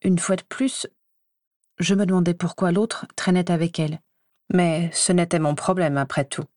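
A woman reading a first-person story aloud in an even, measured way. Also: on the low side, dry recording, studio quality. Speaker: audiobook reader.

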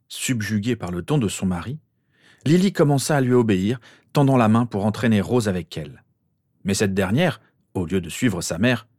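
A man reading a fan fiction story aloud in steady, even storytelling. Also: fairly low pitch, no room sound. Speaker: reader. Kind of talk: audiobook narration of fan fiction.

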